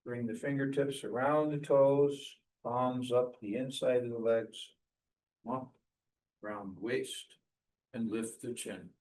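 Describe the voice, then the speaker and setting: A man's voice: medium pitch, steady tone, a little mellow, rough recording. Man leading a step-by-step qigong class. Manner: measured, step-by-step cueing. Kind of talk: guided movement instruction in short, spaced phrases.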